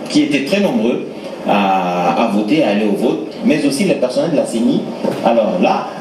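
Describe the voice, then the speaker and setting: Commentator guy weighing in slow and thoughtful, roomy echo, noisy background. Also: mid-range voice, lively intonation, a little mellow, recorded from a distance. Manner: deliberate, analytical phrasing. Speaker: news commentator. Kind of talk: live election commentary.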